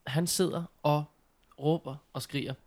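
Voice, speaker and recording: A man in casual conversation, telling things in an informal, animated way with mild slang. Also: a little high. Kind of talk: casual chat.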